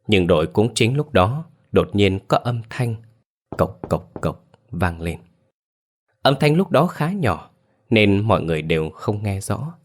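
A man reading a ghost story aloud in a steady, measured storytelling voice. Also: fairly low pitch. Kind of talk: scripted ghost story narration.

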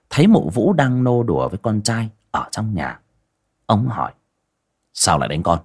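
A man narrating a folk horror story in an expressive, dramatic way. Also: mid-range voice.

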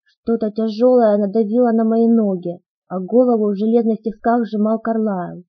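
A woman reads an audiobook, telling the story dramatically in the first person. Her voice is slightly husky and breathy, recorded dry and close with a dull, lo-fi sound. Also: a little high, fairly even intonation, moderate pace, no echo. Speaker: audiobook narrator. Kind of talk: audiobook narration.

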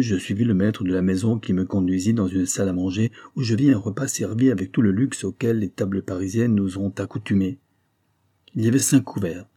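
Low husky man reading a classic novella. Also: warm tone. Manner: measured, literary reading. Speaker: audiobook reader. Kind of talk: scripted audiobook narration.

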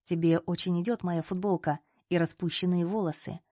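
A woman's voice: fairly low pitch, steady tone, brisk, darkish tone, no room sound, studio quality, lightly acted. A woman reading the lines of a confident young male boss who teases and gives orders. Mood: teasing. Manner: teasing, commanding.

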